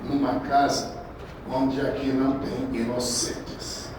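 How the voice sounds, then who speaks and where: A Brazilian man in his sixties preaches a sermon in a conversational, anecdotal way, often restarting his phrases. His medium-pitched voice is level and slow. He's recorded from a distant mic in a large, echoey hall with background noise.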